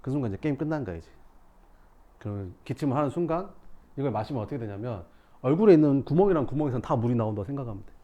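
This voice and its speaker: A young male math teacher tells his class a story in a lively, swooping voice. His pitch sits in the middle, and he acts out the scenes with sudden shouts and sound effects. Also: very fast, dull audio.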